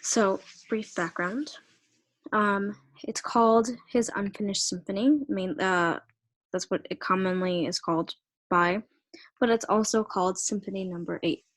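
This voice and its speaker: Young woman giving a halting class presentation. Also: mid-range voice. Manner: hesitant, many fillers and restarts. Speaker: student presenter. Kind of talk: research presentation.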